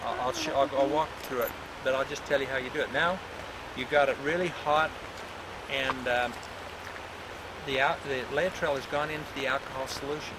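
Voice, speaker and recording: This is a man's voice captured on a worn VHS camcorder tape. He talks at a middle pitch in a folksy, rambling way, walking a group through a process step by step. Heavy hiss and outdoor traffic sit behind him. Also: fairly even intonation, fairly quick. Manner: folksy and rambling, with many restarts. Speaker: teacher of herbal remedies leading a group outdoors. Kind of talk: informal step-by-step spoken instruction. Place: outdoors by a road during a walk. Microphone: camcorder mic at a distance. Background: loud outdoor ambience with passing vehicles.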